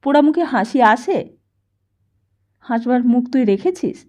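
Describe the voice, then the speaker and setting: A woman voicing a weary, bitter poor mother who scolds her son in a nagging, sharp, raised voice, in a dull lo-fi audiobook recording. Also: on the high side, lively intonation, measured pace. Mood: scolding. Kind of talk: audiobook character voice.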